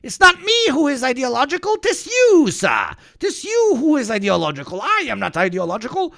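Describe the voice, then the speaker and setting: A man's voice: very high-pitched, huge pitch swings, normal speed, creaky, fairly bright tone, no room sound, clean studio sound, pitched above the performer's own voice, heavily acted. A man putting on the voice of a pompous, self-righteous politician who speaks in a prim, mock-formal way and keeps calling people sir. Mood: smug.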